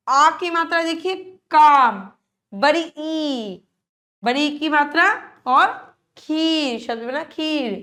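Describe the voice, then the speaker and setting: A woman with a high voice teaching young students. She poses questions and answers them herself, checking in after each point. She stretches out vowel sounds to show how long they take to say. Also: a bit bright. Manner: addresses children, asks and answers own questions, repeats with "theek hai"; draws out vowel sounds to demonstrate. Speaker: school teacher. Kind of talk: classroom grammar lesson.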